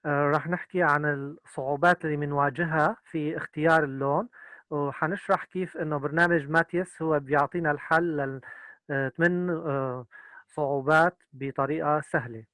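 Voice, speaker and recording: Very fast interpreter man. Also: on the high side, steady tone, bright, forceful tone, no echo. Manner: hesitant, many filler sounds. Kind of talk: consecutive interpreting.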